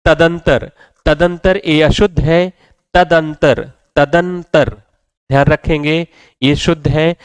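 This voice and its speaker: Man, teacher, spelling drill, repetitive rhetorical questions, slightly high voice, dry close sound. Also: fairly even intonation, takes it slowly, smooth, no echo. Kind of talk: classroom lecture.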